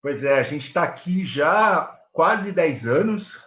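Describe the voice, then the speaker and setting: A man's voice: a little high, lively intonation, takes it slowly, sharp tone. Guy on a video call, roomy echo, kinda dull sound, lots of um-ing. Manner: hesitant, many fillers, earnest. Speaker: guest, elder care manager. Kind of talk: live video call interview.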